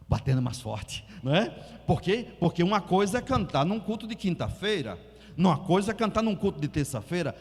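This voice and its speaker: A man's voice: high-pitched, big-room sound. A man preaching a sermon as a pastor, talking conversationally, acting out quotes and prompting the congregation to repeat after him. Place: church hall.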